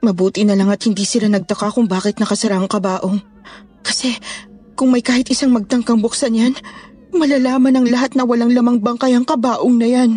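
A woman playing a proud, sharp-tongued wealthy matron in a dramatized horror story, speaking in a cutting, sarcastic manner. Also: a little high, little pitch movement, a little fast, slightly rough. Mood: tense. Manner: tearful, then cutting and sarcastic.

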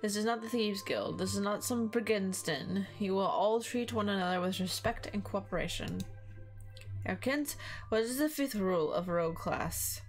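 A woman voices a stern, formal male schoolmaster with an assumed German accent, speaking firmly yet courteously at a measured pace over music. Her mid-range voice stays close to her everyday one, and the recording is rough.

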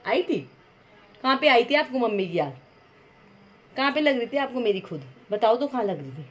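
A woman's voice: a little high, big pitch swings, normal speed. A young woman, a mother, playfully coaxing and teasing her toddler at home in baby talk, laughing often. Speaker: mother and family vlogger.

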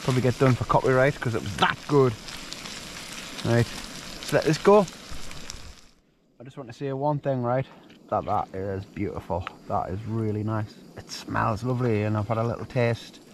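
A man's voice: medium pitch, normal speed, pauses often. Bloke rambling and cracking jokes at his campsite at night, mid voice, bit of faint outdoor hiss. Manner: chatty, joking, rambling asides. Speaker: outdoor vlogger. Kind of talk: casual outdoor cooking vlog. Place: wild camp in hills at night, outdoors.

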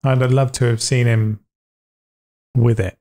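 A man's voice: mid-range voice, little pitch movement, unhurried, mellow. A young man hosting a podcast interview, rambling, joking and cutting himself off mid-sentence. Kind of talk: casual conversational interview.

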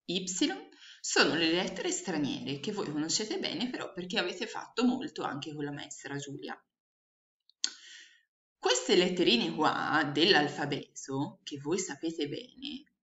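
A woman teaching young children online, slowly and patiently sounding out letters and syllables. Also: low voice, sharp tone. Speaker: primary school teacher. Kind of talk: remote lesson for young children. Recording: echoey room, dull lo-fi sound.

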